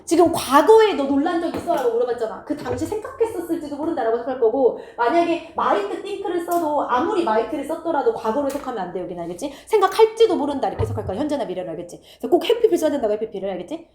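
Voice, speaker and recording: High-voiced woman teaching, echoey room. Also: dark tone. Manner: checks in often with rhetorical tag questions; reads English lines slowly, then explains quickly. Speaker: high school English teacher. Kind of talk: classroom lecture. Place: classroom.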